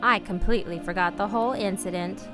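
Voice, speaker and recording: Over music, an actress with a natural, mid-range voice plays a married woman in a radio play, narrating in a wistful, confessional way. The character is anxious and guilt-ridden, tenderly confessing a secret love. Her speech is refined, earnest, and hesitant, with halting repeated words.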